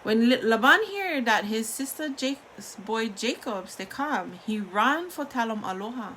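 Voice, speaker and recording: A woman's voice: a little high, animated, unhurried, pushed and bright, rough recording. Casting: female storyteller with Hawaiian Pidgin accent, informal and conversational, taking her time, some noise behind the voice. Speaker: storyteller reading scripture aloud.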